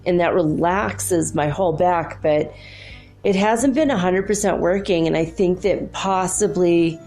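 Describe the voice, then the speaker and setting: Female solo podcast host, chatty and informal, dark mellow tone, swollen-throat thickness, faint music behind. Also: fairly low pitch, a little slow. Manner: informal, self-quoting, chatty asides. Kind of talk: casual rambling solo podcast chat.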